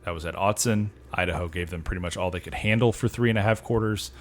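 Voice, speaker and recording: A man co-hosting a sports podcast, talking in a measured, conversational way with a dry sense of humor. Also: low-pitched, slight background noise. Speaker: podcast co-host. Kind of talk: casual sports podcast chat.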